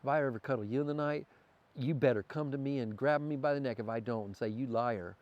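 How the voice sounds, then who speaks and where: A man speaks as a guest in a frank interview, his voice sitting at an ordinary middle pitch. He muses philosophically, working ideas out aloud and restarting phrases as he goes. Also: fast talker, lo-fi sound. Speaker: podcast guest. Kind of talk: candid conversational interview.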